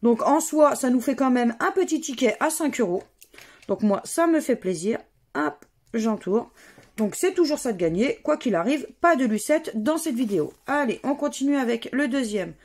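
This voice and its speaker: A woman's voice: a little high, expressive, normal speed, a little mellow. A woman, casually commenting as she scratches lottery tickets and spells out letters and words one by one. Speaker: scratch-card vlogger.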